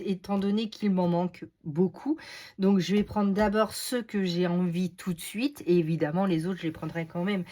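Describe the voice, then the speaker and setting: Slow, chatty middle-aged woman. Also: mid-range voice. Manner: chatty, hesitant, many fillers. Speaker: craft vlogger. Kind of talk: casual unboxing chat.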